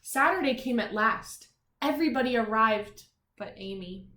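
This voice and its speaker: In a voice on the high side, a woman teacher reads a picture book aloud to small children at a moderate pace. She punches the text with expression and shifts to gentle, encouraging questions and side comments, all in an echoey room.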